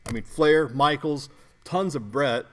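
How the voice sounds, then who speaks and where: A man's voice: medium pitch, measured pace, a bit bright. A man hosting a live card break, chatting easily and reading out card numbers. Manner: easygoing, reads card numbers aloud. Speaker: host of a card break show. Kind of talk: casual chat and live card break calls.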